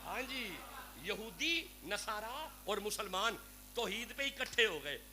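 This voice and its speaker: In a noisy, humming live recording, a Pakistani Sufi preacher with a Punjabi accent gives a devotional sermon. His high-pitched voice has lively intonation, and he addresses the gathering directly, fervent and pleading.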